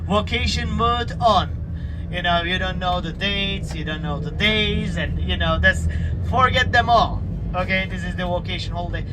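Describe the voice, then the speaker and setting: A man's voice: high voice, moderate pace, noisy background. A man from central Turkey with a Turkish accent, guiding a tour group on a vehicle and quizzing them with "okay?" and "you know". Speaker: tour guide.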